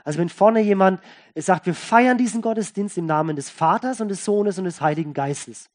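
A pastor delivers a sermon. The tone is folksy and conversational, with key words stressed and repeated, and the voice keeps moving between loud emphasis and soft asides. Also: mid-range voice, a little fast.

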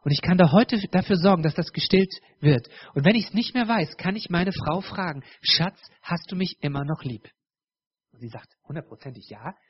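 Husky preacher man giving a sermon. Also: sits high, moderate pace, few pauses, lo-fi sound. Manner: direct, addresses the congregation, many restarts. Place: church.

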